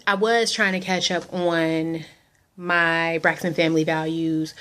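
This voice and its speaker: Sassy young woman ranting casually. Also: lowish voice. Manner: sassy, animated storytelling with acted-out quotes. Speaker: vlogger. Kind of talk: casual chat rant.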